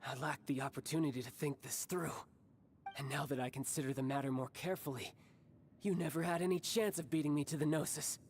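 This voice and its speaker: A man's voice: a little high, steady tone, a little fast, a little mellow, a little hiss or hum, natural voice. An actor voicing a cocky, battle-hungry young male villain in a video game, with a taunting, mock-polite, theatrical delivery. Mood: composed, amused. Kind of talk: scripted video game voice acting.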